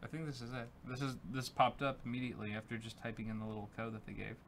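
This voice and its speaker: This young co-host of a tech show has a medium pitch, fairly bright tone and flat delivery, yet talks fast and sounds upbeat. He chats casually and reads viewer donations aloud, using many filler words, with faint background noise.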